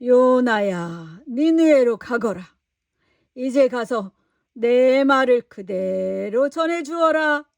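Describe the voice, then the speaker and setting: A patient God figure, voiced by a woman reading aloud, speaking in a calm, measured way. The delivery is slow and unhurried. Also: fairly high pitch, creaky, no room sound, studio quality, exaggerated voice. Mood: commanding.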